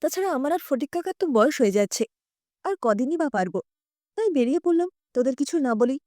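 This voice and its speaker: A woman reads a family story in an audiobook style, her voice high and animated with a mellow, dark tone. She takes on every character herself, shifting her voice for each one. The sound is dry and close to the mic. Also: fast, no room sound. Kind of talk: scripted audiobook narration.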